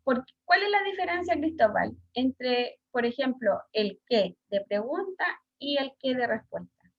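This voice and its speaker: Chilean teacher on a video call. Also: female voice, high-pitched, lively intonation, measured pace. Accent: Chilean Spanish. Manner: hesitant, many fillers, asks pupils questions. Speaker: schoolteacher. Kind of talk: online class lesson. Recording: dull lo-fi video call audio.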